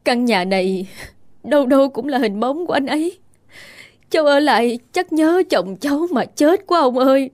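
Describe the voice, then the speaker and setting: A woman's voice: high-pitched, animated, normal speed, darkish tone, no room sound, clean studio sound. A woman voicing a young village widow in an audio ghost story, who wails and pleads and is secretly scheming. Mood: pleading. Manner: wailing, pleading.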